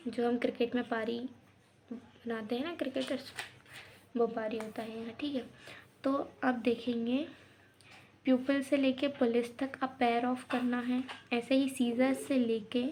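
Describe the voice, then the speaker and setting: Female teacher, young adult, higher mellow voice, patient step-by-step explainer, slight background noise. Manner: explains step by step with frequent checks. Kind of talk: English grammar lesson.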